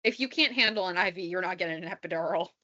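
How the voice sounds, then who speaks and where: Bright, blunt young woman teasing. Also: fairly low pitch, very fast, dry recording, highs cut off. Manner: blunt, teasing, swears casually. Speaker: podcast co-host and editor. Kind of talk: casual chat.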